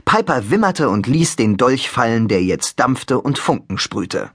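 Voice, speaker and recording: Husky, expressive male audiobook narrator. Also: medium pitch, unhurried, no echo, clean studio sound. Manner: expressive, even storytelling. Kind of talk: scripted narration.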